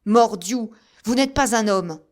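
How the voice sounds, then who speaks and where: A hot-blooded swordsman bursts out in loud, raised exclamations, as a woman reader puts him on. He is brave and quick to anger, and his voice lifts with indignation. This is a classic adventure audiobook. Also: a little high, voice pushed up. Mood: indignant. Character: hot-tempered brave male musketeer. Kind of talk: audiobook character reading.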